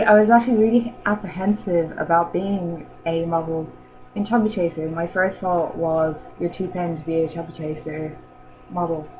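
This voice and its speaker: A woman chatting casually in a rambling vlog, filling pauses with "um" and laughing often. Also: lowish voice, darkish tone, slight background noise, rough recording. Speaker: vlogger answering model-challenge questions. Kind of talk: casual chat.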